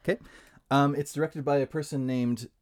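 A man's voice: mid-range voice, fairly even intonation, a little fast. A man co-hosting a casual movie podcast, rambling with lots of ums and laughing easily. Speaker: podcast co-host presenting the movie. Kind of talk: casual chat.

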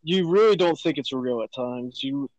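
A young man talks in a loose, rambling way full of fillers, as if chatting with friends on a podcast. His voice sits at a middle pitch and sounds close and dry, with no room around it. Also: normal speed, darkish tone, no echo, highs cut off. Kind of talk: casual chat.

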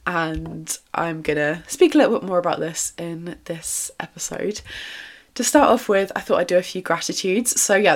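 Chatty woman in her twenties with a lower voice. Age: 20s. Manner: chatty, upbeat, lots of fillers and little laughs. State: lingering cough in the throat. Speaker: podcast host. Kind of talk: casual solo podcast chat.

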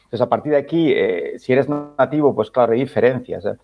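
A man's voice: mid-range voice, lively intonation, a little fast, lo-fi sound, faint music behind. A man on a football podcast panel, explaining things patiently in casual chat, often ending with tag questions. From Spain. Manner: explains patiently, many filler "no?" tags.

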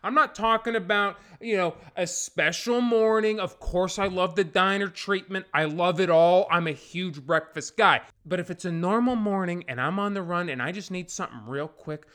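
A man's voice: high-pitched, moderate pace, few pauses, a bit bright, smooth. A man hosting a podcast alone, rambling through a profane comedic rant. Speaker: podcast host.

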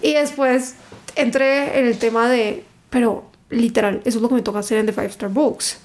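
A woman, a book content creator telling stories in a casual interview, emphatic and animated. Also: on the high side, normal speed. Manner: animated, emphatic storytelling with reported dialogue.

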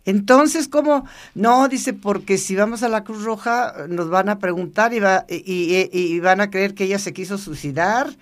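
An older woman tells personal stories as an interview guest. She talks in a lively, chatty way, laughing often and acting out the voices of the people she quotes. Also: mid-range voice, normal speed, hardly any pauses. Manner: lively anecdotal storytelling, laughs often, acts out quoted dialogue. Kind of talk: casual storytelling interview.

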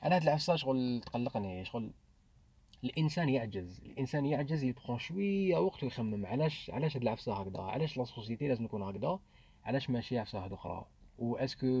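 A man's voice: mid-range voice, warm tone, breathy edge. A man with an Algerian accent talking through ideas in a casual podcast discussion, slipping between Arabic and French. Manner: mixes French into Arabic, thinks aloud with restarts.

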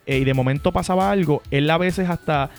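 A Puerto Rican man chatting casually as co-host, his voice sitting a little high. He rambles and trips over his words, then picks up his thread and tells stories with energy. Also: a little fast, vocal fry, soft background music. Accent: Puerto Rican Spanish. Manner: chatty, stumbles over words, animated retellings. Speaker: podcast co-host. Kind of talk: casual chat.

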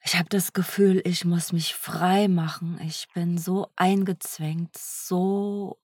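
A woman speaking softly in an introspective self-dialogue, searching for words and often sinking into a whisper. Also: lowish voice, steady tone, takes it slowly, no echo, clean studio sound. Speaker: energy healer.

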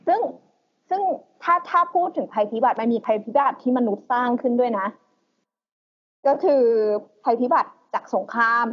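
A woman co-hosting a podcast in loose, slangy casual chat, halting often with fillers. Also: on the high side, expressive, lo-fi sound. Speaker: podcast co-host.

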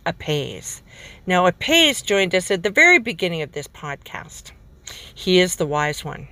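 Female podcast host, conversational, slightly low pitch, dry close sound. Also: fairly bright tone, no echo.

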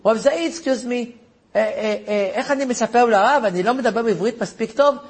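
A rabbi putting on an apologetic caller. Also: male voice, extremely high pitch, breathy edge, full character voice. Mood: polite, hesitant. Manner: broken Hebrew mixed with English, apologetic. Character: polite American man from Miami, halting Hebrew.

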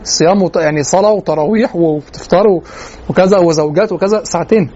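A man teaching a lesson on classical poetry, explaining verses line by line and reciting them slowly. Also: high voice, mellow. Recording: dull lo-fi recording with faint noise.

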